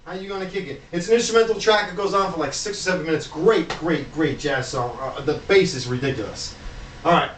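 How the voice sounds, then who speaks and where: A man's voice: a little high, brisk, fairly bright tone, recorded from a distance, slight background noise. A man DJ chatting loosely through a countdown of records, with asides and fillers. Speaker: DJ presenting hip-hop samples. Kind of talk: casual commentary over records. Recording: roomy, off-mic, music behind. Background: music playing.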